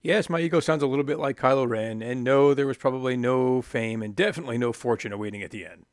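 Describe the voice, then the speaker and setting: The host, a middle-aged ex-test pilot, reads a scripted podcast monologue at medium pitch with no room sound. His delivery is measured and emphatic, punctuated by dry asides.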